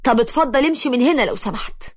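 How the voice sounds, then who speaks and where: A woman voicing a calm young husband who avoids conflict, with an Egyptian accent. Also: high-pitched, quick pace, no room sound, clean studio sound. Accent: Egyptian Arabic. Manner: calm, placating.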